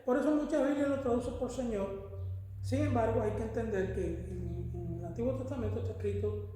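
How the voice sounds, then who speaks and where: A man's voice: extremely high pitch, brisk, background noise. A man, a pastor and author, explaining scripture conversationally and checking in with his listener as he goes. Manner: explanatory, often checks with "¿verdad?". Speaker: pastor and author being interviewed. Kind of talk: conversational Bible teaching. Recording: echoey, reverberant room.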